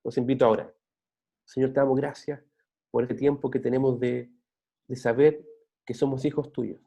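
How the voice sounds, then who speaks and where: A man's voice: medium pitch, normal speed, creaky, muffled recording. A man, a pastor delivering an earnest sermon with fillers and restarts, then praying. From Chile. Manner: earnest, steady preaching with frequent restarts and fillers. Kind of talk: sermon closing in prayer. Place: church.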